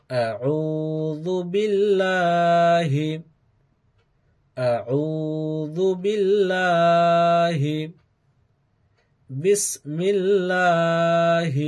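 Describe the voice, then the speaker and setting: Male Quran teacher, fairly high voice, very slow and deliberate, spelling letters and chanting words in repeated drawn-out recitation. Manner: drawn-out chanted recitation of each word, repeated three times.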